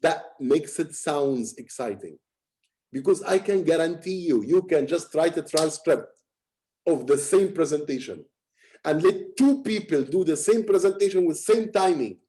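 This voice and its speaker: A young man coaching an audience on presentation skills, his voice mellow and warm. He speaks with emphatic energy and often repeats words as he works through a point. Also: a little high, unhurried. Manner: animated, emphatic, repeats words while explaining. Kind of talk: teaching talk on presenting.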